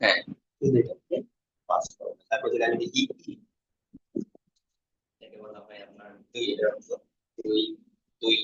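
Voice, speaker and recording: A man's voice: lowish voice, steady tone, fairly bright tone. A male language teacher leading a class, explaining vowel shapes step by step, repeating each sound and quizzing his students. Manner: asks students questions, repeats sounds slowly. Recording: dull lo-fi classroom recording.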